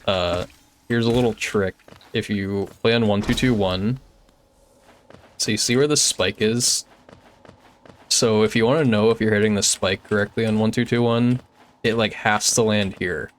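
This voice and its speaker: Young male game streamer, relaxed chat with viewers, slightly low voice, faint hiss behind. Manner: chatty and easygoing, many filler "like"s. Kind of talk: casual gameplay commentary, reading chat.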